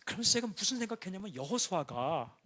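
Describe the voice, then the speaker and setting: A middle-aged pastor with a fairly high voice gives a sermon in an easygoing, anecdotal manner. He moves from calm, chatty storytelling to sudden excited outbursts. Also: fast talker. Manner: conversational storytelling, bursts into excited singing and shouting.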